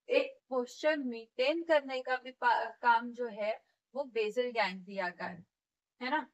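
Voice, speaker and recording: High-voiced woman giving a lecture. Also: poor audio. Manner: explains step by step, often checking with "ठीक है" and "है ना"; demonstrates movements while teaching. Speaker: physiotherapy teacher. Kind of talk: classroom lecture.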